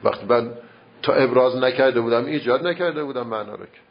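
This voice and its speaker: In a seminary classroom debating grammar and logic, a man argues patiently, explaining his point through many rhetorical questions. His voice is medium-pitched and creaky, with the highs cut off.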